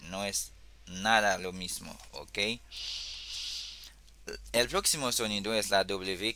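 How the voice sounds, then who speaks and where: Slow bright-voiced man teaching pronunciation. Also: fairly low pitch. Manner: slow, repeats sounds and checks with "ok?". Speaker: language teacher. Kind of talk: casual online lesson.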